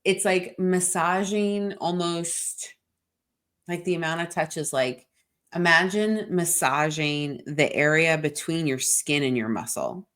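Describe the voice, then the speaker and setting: A low-voiced woman co-hosting a podcast chats casually, taking it slowly with a slightly bright tone. Congested from a sinus infection, she rambles frankly, swears often, and says "like" constantly.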